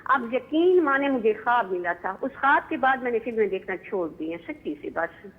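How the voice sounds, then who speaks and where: A woman's voice: on the high side, big pitch swings, breathy edge. A young woman calling in to a live show, rambling eagerly and saying yes ma'am over and over. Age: young adult. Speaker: caller. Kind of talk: phone-in chat. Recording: tinny phone line.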